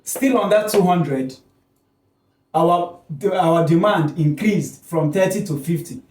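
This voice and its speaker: Speaking slowly in a high, slightly mellow voice, a man teaches economics at the board. He answers his own questions and checks in with "okay?" The room is echoey and he sounds far away.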